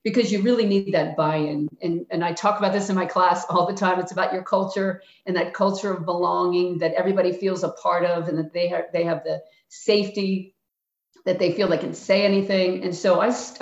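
Her voice sits lowish and brisk as this Philadelphia woman, a retired basketball coach, answers interview questions frankly and plainly, acting out lines she and her players once said. The recording has an echoey, dull room sound.

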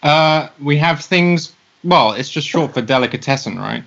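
A man's voice: on the high side, expressive, normal speed, gravelly, a bit bright, muffled recording. A British man co-hosting a podcast, bantering with dry good humour. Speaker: podcast co-host. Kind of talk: casual banter.

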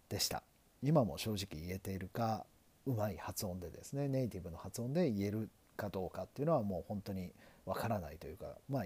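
A middle-aged lawyer from Japan hosting a solo podcast, talking in an earnest, self-deprecating, measured way. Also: male voice, on the low side, warm tone, breathy edge. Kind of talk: solo podcast talk on learning English.

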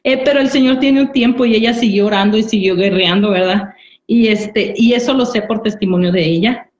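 A woman's voice: medium pitch, brisk, darkish tone. A woman giving an earnest personal church testimony, repeating phrases and often asking "¿verdad?". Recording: roomy, dull recording.

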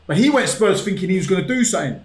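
Male co-host with London roadman accent, a little high-pitched, insistent casual debate, echoing room. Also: lively intonation, racing. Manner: insistent, colloquial. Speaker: podcast co-host. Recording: roomy, echoing room sound.

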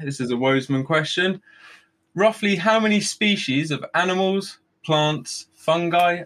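A man's voice: on the high side, a bit bright. A man hosting a casual live quiz, reading out questions and answers. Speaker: quiz host. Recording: clear background noise.

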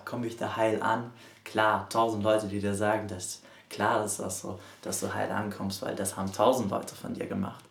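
A man hosting a podcast, telling a personal story in a reflective way and speaking straight to the listener. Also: lowish voice. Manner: reflective, addresses listener directly. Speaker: podcast host. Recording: roomy echo.

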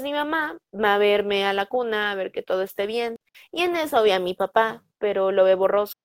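A woman's voice: medium pitch, darkish tone, no room sound. A young adult woman with a Mexican Spanish accent, casually telling personal stories with lots of fillers and tag questions. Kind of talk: casual storytelling.

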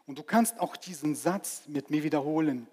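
A man preaching with a high, lifted voice that carries through a church hall with a long echo. He pushes his points loudly, then drops to quiet, dramatic asides. The reading and the retold scenes stay in his own preaching voice. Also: moderate pace, breathy edge. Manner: animated preaching that swings between loud peaks and hushed dramatic asides. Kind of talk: sermon.

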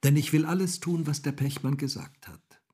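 A man's voice: medium pitch, measured pace, mellow, husky, voice pushed up. A man voicing a remorseful young girl in a fairy tale, pleading earnestly.

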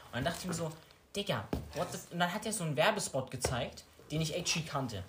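A young adult man co-hosts a podcast, chatting casually with friends in slangy speech sprinkled with English words. He talks fast with lively intonation and a voice on the high side, recorded with roomy echo and faint noise.

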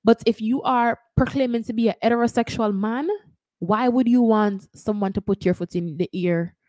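A woman's voice: fairly high pitch, moderate pace, dark tone, no room sound. A woman with a Jamaican lilt hosts a casual commentary show. She talks in a chatty way and keeps hedging and correcting herself. Her voice sits close to the mic in a dry, dead space. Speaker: host.

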